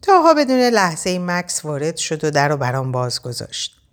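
A woman narrating a first-person story aloud, expressive and tense. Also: sits low. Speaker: audiobook narrator.

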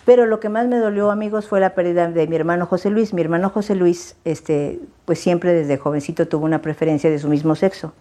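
Woman, middle-aged, theatrical storyteller, a bit low-pitched, casual talk show chat. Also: a little fast, hardly any pauses. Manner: animated, theatrical, acts out quoted voices. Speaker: guest.

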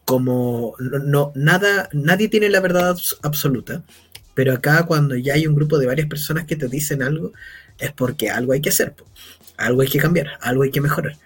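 A man's voice: fairly high pitch, normal speed, husky. A man co-hosting a podcast, speaking earnestly with many hesitations. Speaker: podcast co-host. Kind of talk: casual podcast chat.

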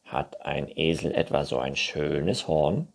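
A man voicing a stubborn, contrary unicorn from a children's story, gruff and curt. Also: a bass voice, takes it slowly, pitched below the performer's own voice, exaggerated voice. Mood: grumpy. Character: stubborn grumpy unicorn, always says no. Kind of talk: children's book reading.

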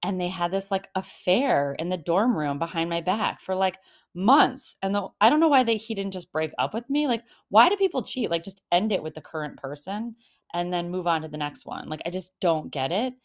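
A woman's voice: on the low side, expressive, normal speed. A woman nearly fifty talking casually about dating in a rambling, chatty monologue, full of fillers and laughs. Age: 40s. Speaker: podcast host.

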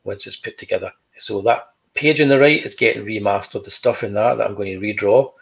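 A man's voice: on the low side, brisk, vocal fry, rough recording. A man, a comic book creator talking casually and showing his artwork, chatty with dry humor.

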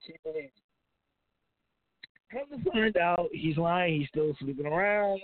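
A man's voice: a little high, measured pace, no room sound. A man hosting a casual, profane commentary on the news, often repeating himself. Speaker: podcast host. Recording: tinny phone-like sound.

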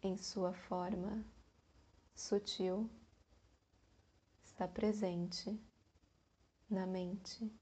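A Brazilian woman guiding a meditation in a soft, soothing, breathy voice with long pauses, like a calm spa session. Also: mid-range voice, poor audio. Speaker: meditation guide. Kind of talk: guided meditation narration.

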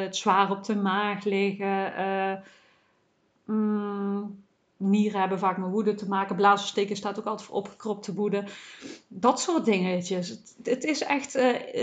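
A woman hosting a casual self-help podcast, speaking in a gentle, reassuring way with many small fillers. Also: medium pitch. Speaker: podcast host.

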